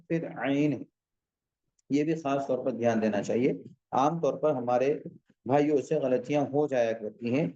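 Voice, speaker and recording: A man teaching Quran recitation, modelling drawn-out words and then patiently explaining common mistakes. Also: mid-range voice, warm tone, lo-fi sound. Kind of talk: slow tajweed lesson.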